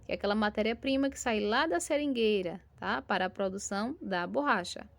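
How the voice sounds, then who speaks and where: Teaching young pupils in a recorded lesson, this woman speaks with a Brazilian Portuguese accent, stretching syllables patiently and often tacking on tag questions to check understanding. Her voice is creaky and medium-pitched, and she talks fairly quickly.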